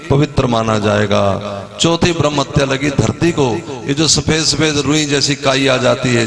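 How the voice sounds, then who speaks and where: A man preaching a devotional sermon, telling scripture stories with animated energy and putting questions to his audience. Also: mid-range voice, vocal fry. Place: religious gathering before an audience.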